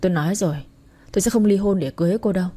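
A man's voice: sits high, very fast, warm tone. A woman voicing a greedy, easily frightened married man who talks in a curt, scolding way. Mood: angry. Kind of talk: storybook reading.

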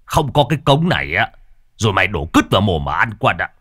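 A man's voice: lowish voice, sing-song, fairly bright tone, no echo, clean studio sound. A man voicing a crude, middle-aged father who sells vegetables and swears as he talks. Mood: gruff. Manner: coarse, swearing, brisk.

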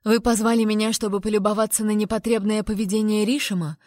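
A woman's voice: level tone, fast, no echo, clean studio sound, lightly acted. A woman voicing an outraged young noblewoman. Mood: indignant. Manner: exclaims sharply, higher and louder. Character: indignant young noblewoman heroine, sharp-tongued.

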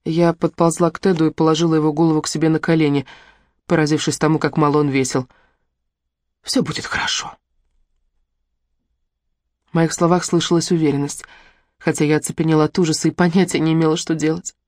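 Brief: audiobook narrator, measured first-person storytelling, mid pitch, dead-dry booth sound. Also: level tone, darkish tone, dry recording.

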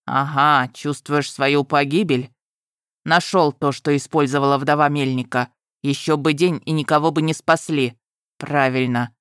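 Woman voicing a cool dark elf mage. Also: deep voice, fairly even intonation, a little slow, clean tone, no echo, studio quality. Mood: calm.

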